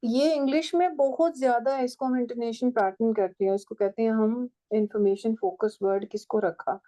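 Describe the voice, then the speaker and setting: A woman's voice: fairly high pitch, steady tone, moderate pace, dark tone, poor audio. A woman teaching a writing and language class, explaining step by step and checking that her students follow.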